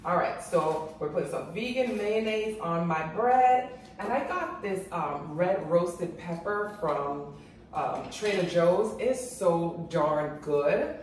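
In a casual to-camera vlog, a woman who does cooking and gardening content chats about her patio garden and kitchen, calling her audience "guys." Her voice sits on the low side, and she speaks slowly and expressively. Filmed first on an outdoor high-rise patio and then in her home kitchen, the sound is echoey and noisy, with the mic far away.

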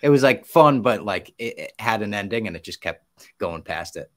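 A man's voice: lowish voice, animated, normal speed. Young man, chatty movie talk. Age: young adult. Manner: chatty, filler-heavy movie reviews. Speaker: podcast host. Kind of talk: casual podcast chat. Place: home room, video call. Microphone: headset, video call.

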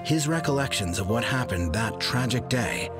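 A man's voice: medium pitch, expressive, normal speed. A man delivering scripted narration for a true-crime documentary. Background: loud music.

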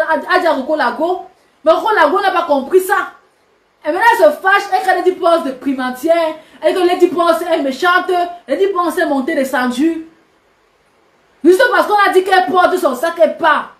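A woman with a very high voice lectures her subscribers in a sharp, mocking rant. The sound bounces around a roomy space. She talks combatively, as if putting someone in their place. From Cameroon. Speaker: social media personality addressing subscribers. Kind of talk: live video rant. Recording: roomy echo.

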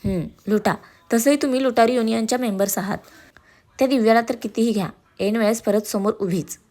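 A woman's voice: on the high side, brisk, mellow, close to an everyday voice. A woman doing a sarcastic teasing young man. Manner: sarcastic, hyper, complaining.

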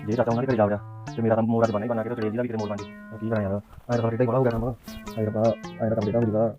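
A man's voice: fairly low pitch, flat delivery, very fast, muffled recording, over music, close to an everyday voice. A young man playing a nervous village youth who stammers and pleads in a panic. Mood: fretting.

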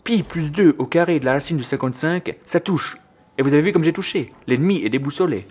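Comic pompous army general, male, man doing the voice, raised and loud, light hiss. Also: on the high side, lively intonation, fast, voice pushed up, lightly acted. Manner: pompous, loud, mock-grand. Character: boastful male siege engine general, comic.

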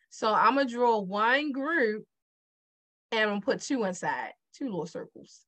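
A middle-aged woman with a Baltimore accent teaches multiplication on a digital whiteboard in a casual lesson, chatty and repeating her questions to the viewer. Her voice is high-pitched and sharp.

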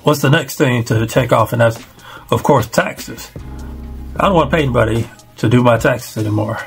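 A man's voice: mid-range voice, moderate pace, vocal fry, faint music behind. A man in his forties vlogging casually from his bedroom into a headset mic, rambling and self-deprecating with plenty of fillers. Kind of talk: casual personal vlog. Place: small bedroom at home. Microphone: headset microphone on a webcam call setup.

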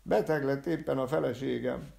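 A man voicing an agitated, ranting male character in an audiobook, shouting frantically. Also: mid-range voice, creaky, echoey room, pitched above the performer's own voice. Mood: frantic.

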